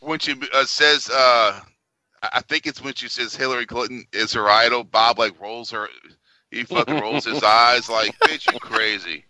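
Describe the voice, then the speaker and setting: A male co-host talks casually and bluntly in a very bright, sharp voice of medium pitch. The recording is close and dry. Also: steady tone, moderate pace, dry recording, poor audio. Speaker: podcast co-host. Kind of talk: casual chat.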